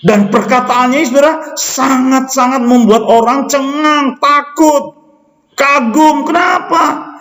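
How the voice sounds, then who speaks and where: A man delivers a sermon in a very high voice. He pushes his listeners with repeated rhetorical questions and addresses them as brothers and sisters. His voice rings through a roomy hall with a long, echoing tail. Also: slow, fairly bright tone. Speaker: preacher. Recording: echoey hall.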